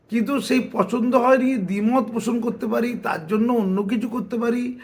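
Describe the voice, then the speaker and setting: Man, political commentator, sarcastic, high-pitched, gravelly. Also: fairly bright tone. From West Bengal. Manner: sarcastic, argumentative, mocking asides. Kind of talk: opinion commentary.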